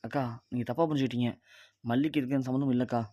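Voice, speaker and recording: A man voicing a young husband who calmly pleads with his elder sister, in his own voice. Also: medium pitch, very fast, no room sound, studio quality, natural voice. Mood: pleading. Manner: pleading, reasonable. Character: young husband, calm and doubting.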